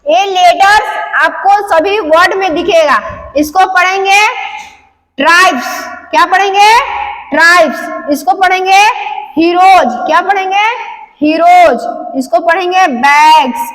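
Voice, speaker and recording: A woman teaches a classroom lesson in a very high voice. She keeps asking her own questions and answering them, saying each example word twice. Her voice rings with a long reverb. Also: a bit bright. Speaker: English teacher.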